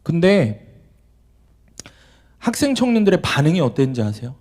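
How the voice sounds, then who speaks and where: Young man, junior pastor, storytelling sermon, husky, fairly high voice. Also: normal speed. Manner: animated, acts out quoted voices, asks the audience questions.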